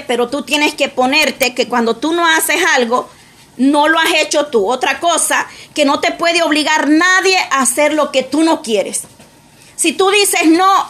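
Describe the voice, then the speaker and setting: High, bright-voiced woman preaching. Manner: earnest, repeats "amén" often. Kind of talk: sermon.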